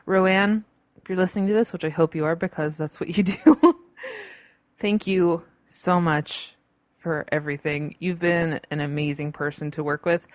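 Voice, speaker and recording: A woman hosting her own podcast, talking in a bubbly, chatty way with big jumps in pitch, recorded at home. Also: no room sound. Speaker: podcast host. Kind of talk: casual solo podcast talk. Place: home in the city. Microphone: studio mic recorded on a computer.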